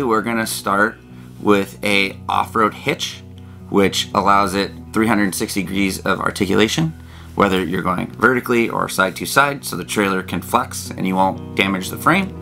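Guy in his 30s, low voice w some fry, casual vlog chat inside a small trailer, guitar music behind. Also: pushed and bright. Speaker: RV vlog co-host. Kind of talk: casual explanatory chat to camera.

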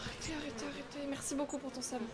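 A woman's voice: sits high, flat delivery, very fast. A woman in her twenties giving chatty, nervous live commentary as she plays a game. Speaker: livestreamer. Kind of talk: casual live gaming commentary. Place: small room at home, indoors. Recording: loud game music behind voice.

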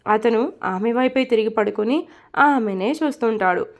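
A woman's voice: fairly high pitch, moderate pace. Woman narrating a romance story.

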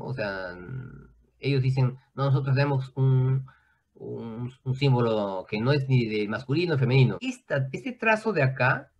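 A man teaching an online class, explaining at length in a conversational way and often checking in with his students. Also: mid-range voice.

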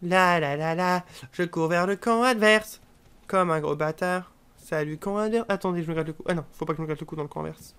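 A woman casually commentating her own gameplay, joking and swearing crudely, with sudden shouted outbursts. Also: fairly low pitch, fast talker, clean tone. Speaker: gaming channel host. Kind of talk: casual let's play commentary.

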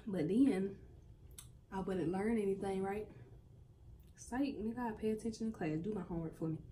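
A woman's voice: mid-range voice, normal speed, dark tone, slight background noise. A young woman in her late teens, chatting casually to her viewers at home in a slangy, direct way. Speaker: vlogger. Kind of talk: casual vlog chat.

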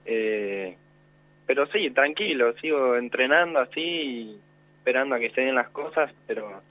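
A man's voice: medium pitch, lively intonation, measured pace. A young man with a Rioplatense Spanish accent, a football player giving short, modest answers in a radio interview. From Argentina. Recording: tinny phone line.

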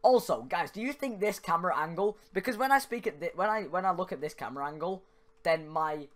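A man's voice: sits high, lively intonation, a little fast, a bit bright. A young man giving chatty gameplay commentary into a desk microphone, yelping and laughing when things go wrong. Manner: chatty, yelps and laughs at mishaps. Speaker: gaming YouTuber. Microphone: desk microphone spoken into closely.

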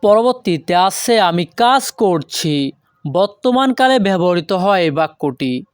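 Patient online tutor, unhurried and methodical, recorded dry and close. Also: medium pitch, lively intonation, smooth, no echo. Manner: deliberate, repeats each foreign phrase slowly, asks and answers own questions. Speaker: language teacher. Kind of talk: online language lesson.

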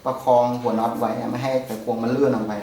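A man in the middle of his pitch range talks through a hands-on repair demo, relaxed and unhurried, with fillers and pauses while he works. His voice sounds roomy and echoey, with a faint hum of background noise behind it. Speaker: gun channel host. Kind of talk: hands-on gun maintenance demo.

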